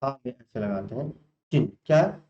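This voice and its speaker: This Hindi exam tutor has a mid-range, dark-toned voice with lively intonation and a moderate pace. He goes through spelling questions, turning every answer back to the class as a question, captured in a muffled, roomy recording.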